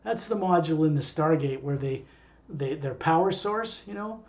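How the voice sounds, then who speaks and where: A man's voice: on the high side, expressive, normal speed, a little mellow, muffled recording. A man who acts as a spiritual teacher, talking casually and digressively to a small group. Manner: rambling, digressive.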